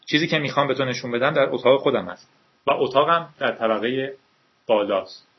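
A man voicing a shy, awkward teenage boy in a quiet, hesitant way, close to his own husky voice. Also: mid-range voice, close to an everyday voice. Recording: dull lo-fi recording.

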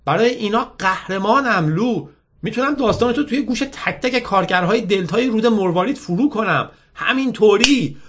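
Man putting on a high confident young woman. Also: animated, hardly any pauses, fairly bright tone, breathy edge, heavily acted. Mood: boastful.

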